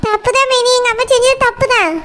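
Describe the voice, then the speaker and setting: A woman's voice: extremely high pitch, fairly even intonation, fast, fairly bright tone, a little hiss or hum. A woman voicing a loyal, determined young sister-in-law in a cartoon, urging and coaxing.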